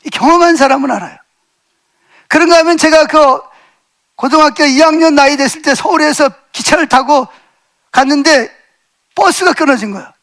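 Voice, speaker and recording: A middle-aged male pastor preaching a sermon in a church, telling a personal story with vivid re-enactment, shifting between loud exclaims and hushed asides. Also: very high voice, moderate pace, long pauses. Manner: animated storytelling, shouting re-enacted lines, swings loud to hushed. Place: church sanctuary.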